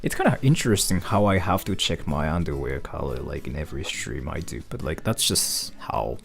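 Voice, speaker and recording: A man's voice: a little fast, creaky, soft background music. A young man from Japan, speaking English, chatting casually with viewers on a live stream, rambling and chuckling often. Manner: rambling, chuckling, lively swings in pitch.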